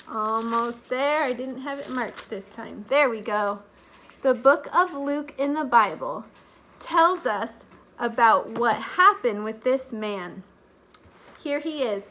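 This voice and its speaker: With a voice that leans high and a bit bright, a woman in her thirties delivers a children's Bible lesson to camera. A little stuffy from allergies, she uses a sing-song teacher tone, recorded close up on a webcam or phone camera in her home living room.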